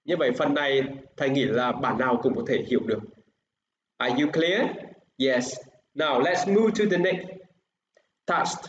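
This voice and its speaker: A man with a Vietnamese accent teaching an English lesson, speaking slowly and clearly in English and switching to quicker Vietnamese explanations. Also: mid-range voice. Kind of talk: bilingual classroom lesson. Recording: echoey, dull, faint hiss.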